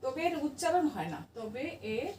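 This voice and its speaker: A woman with a high voice teaches a grammar lesson, patiently asking her class questions and answering them herself. She sits back from the microphone in a roomy, echoing space. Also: big pitch swings, normal speed, a little mellow, far from the mic, a little hiss or hum.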